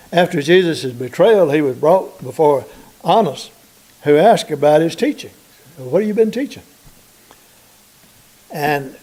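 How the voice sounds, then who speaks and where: Mellow-voiced American preacher man. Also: on the high side, low-quality recording. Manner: deliberate, slows for emphasis, reads scripture aloud. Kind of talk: sermon.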